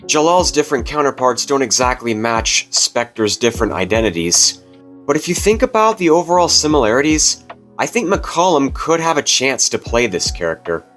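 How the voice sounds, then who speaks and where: A man's voice: mid-range voice, very animated, moderate pace, a bit bright. Man narrating over background music. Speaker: video host. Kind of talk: casual scripted commentary.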